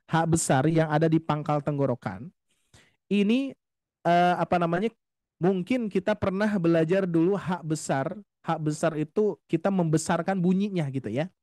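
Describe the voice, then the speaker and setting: A man's voice: fairly high pitch, a little mellow, no echo, studio quality. A man teaching Quran recitation in an online class, explaining patiently and addressing his students politely. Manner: patient, explains slowly, often addresses "Bapak Ibu", models recitation drawn out. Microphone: video call.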